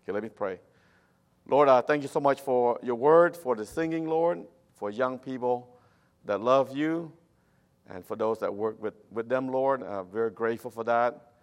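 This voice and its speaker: Male missionary preacher, Cambodian accent, Khmer native, halting sermon delivery in non-native English. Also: medium pitch. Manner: halting, with nonstandard English phrasing. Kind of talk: church sermon.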